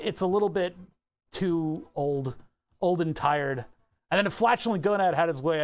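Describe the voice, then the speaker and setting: A livestreamer with a fairly high voice rambles easily through a relaxed stream, chuckling often as he walks through his screen setup. He talks into a lapel mic clipped on in his home workshop.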